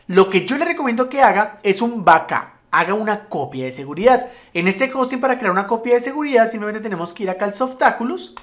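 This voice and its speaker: A man giving a relaxed, chatty step-by-step web tutorial, often checking in with his viewers. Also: sits high. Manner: frequent checking tags like "¿listo?" and "¿vale?". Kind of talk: casual screen-recorded tutorial.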